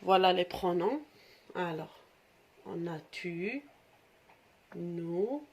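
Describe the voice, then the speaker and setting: A woman's voice: on the low side, expressive, husky. A woman teacher, patiently taking young pupils through a French lesson and explaining in Arabic. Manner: patient, slow dictation, switching into Algerian Arabic to explain. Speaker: primary school French teacher. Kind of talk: classroom lesson for children.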